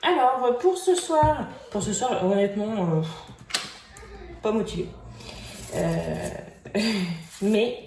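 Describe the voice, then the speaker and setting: A woman's voice: medium pitch, animated, takes it slowly, pauses often, darkish tone. French lady chatting while she cooks, lots of euhs, a little noise behind. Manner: chatty, hesitant, many fillers. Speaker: home cooking vlogger. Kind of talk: casual cooking vlog voice-over.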